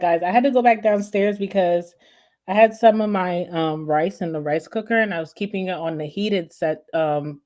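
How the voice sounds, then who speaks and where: A woman giving a casual tarot reading, chatting directly to her viewers in a relaxed, friendly way. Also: mid-range voice. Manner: chatty, addresses viewers as guys and y'all. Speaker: tarot reader.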